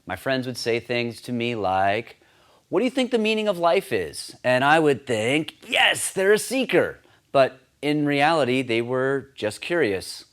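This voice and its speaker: A man giving a scripted teaching talk on sharing faith, earnest and steady, lifting his voice when he acts out quoted lines. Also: medium pitch. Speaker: campus ministry teacher.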